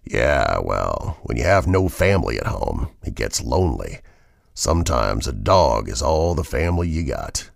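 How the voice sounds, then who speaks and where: A man voicing a menacing male trucker who speaks over the CB in a slow, low, ominous drawl. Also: big pitch swings, vocal fry, no room sound, studio quality, exaggerated voice.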